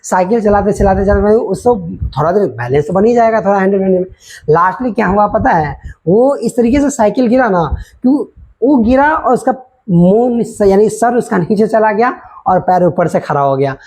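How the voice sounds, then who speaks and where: Male teacher, husky tone, patient explanatory delivery to students. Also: high voice, expressive, normal speed, a little mellow. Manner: explanatory, addresses students directly. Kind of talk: classroom lesson explanation.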